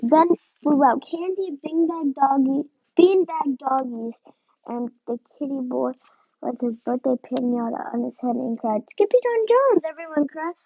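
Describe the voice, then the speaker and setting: A woman reading a picture book aloud, slowly sounding out the harder names. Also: high-pitched, fairly even intonation, creaky, slightly rough, dry recording, narrow, tinny audio. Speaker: storybook reader.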